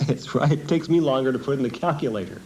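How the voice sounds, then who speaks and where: A man's voice: medium pitch, a little fast, darkish tone. A man presenting an infomercial on location, informally quizzing people and sounding amused and impressed. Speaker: presenter testing students. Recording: noisy room on location.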